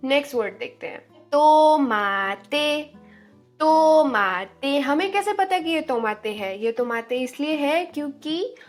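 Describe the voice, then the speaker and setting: A woman giving an online language lesson, drawing out each word slowly and asking the viewers questions. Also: high-pitched, animated, faint music behind. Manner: slow, drawn-out spelling of each word; encouraging, asks questions to viewers. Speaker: language teacher.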